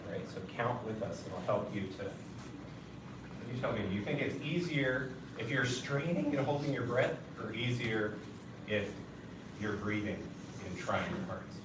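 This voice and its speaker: Man barking drill counts in echoey hall. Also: lowish voice. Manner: barks counts and commands, then explains calmly. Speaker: martial arts instructor. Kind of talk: leading a children's fitness drill. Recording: echoey hall, distant mic, loud noise.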